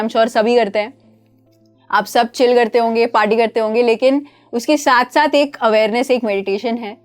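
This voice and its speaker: A woman's voice: medium pitch, clean tone. A woman hosting a casual show, mixing English phrases into her Hindi and running guests through games. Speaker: show host.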